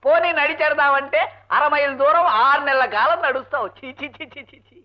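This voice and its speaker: An actor playing a henpecked husband and college lecturer, muttering sarcastic asides and barking commands, in an old film comedy. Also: male voice, very high voice, fairly even intonation, a little fast. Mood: grumbling. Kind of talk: 1970s Telugu film comedy. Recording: dull lo-fi film soundtrack.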